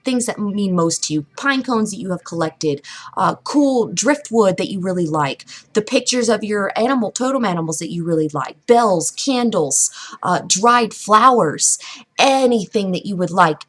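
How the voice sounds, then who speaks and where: A woman vlogging from home at her computer desk, giving casual how-to tips in a rambling, chatty way with lots of fillers and restarts. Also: medium pitch. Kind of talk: casual how-to talk to camera. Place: indoors at home. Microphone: camera mic at a computer desk.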